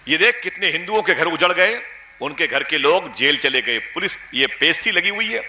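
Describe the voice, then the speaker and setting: A man voicing an angry male villager who loudly rebukes and threatens a cleric, in an echoey room. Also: medium pitch, sing-song. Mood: furious.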